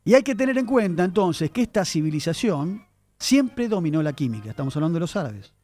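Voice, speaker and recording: Lively high-voiced radio man. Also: brisk, faint music behind. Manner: chatty, animated storyteller addressing listeners. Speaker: radio columnist. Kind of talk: radio segment on word origins. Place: radio studio.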